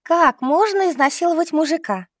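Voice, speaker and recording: A woman voicing a cheeky, brazen young woman who teases in a high, bright tone in an audiobook. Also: sing-song, a little fast, no echo, studio quality. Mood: mocking. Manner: bright, teasing, provocative.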